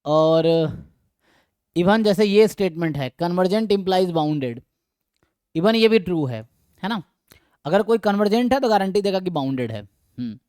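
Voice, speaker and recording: A male math teacher with an Indian accent gives a live online lecture, explaining each step and asking his students questions. His voice sits high and comes through smooth and clear. The recording is dry and close, with no room echo. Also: lively intonation, normal speed, darkish tone.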